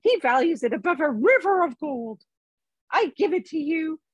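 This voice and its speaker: A woman reading a storybook, playing a small, fussy, polite male hobbit, nervous but plucky, with a squeaky voice and chatty, hedging manner. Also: expressive, moderate pace, no room sound, dull audio. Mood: nervous, sincere.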